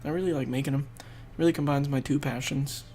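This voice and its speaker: This gaming host is a young man whose voice is congested and fading. He talks fast with a slightly high, fairly even delivery and a somewhat mellow tone, musing casually as he plays a strategy game and explains it. There's slight background noise.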